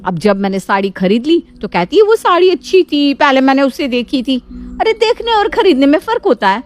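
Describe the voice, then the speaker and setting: A woman voicing a proud, sharp-tongued elder daughter-in-law who talks down to others in a cartoon story. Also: fairly high pitch, sing-song, normal speed. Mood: complaining. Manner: dismissive and scornful.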